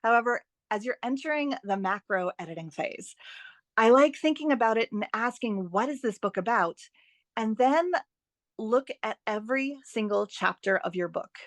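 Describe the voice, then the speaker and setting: This guest, an author and editing expert, has a fairly high, animated voice at normal speed, recorded dry. She explains her advice in a conversational way, stressing points and posing rhetorical questions.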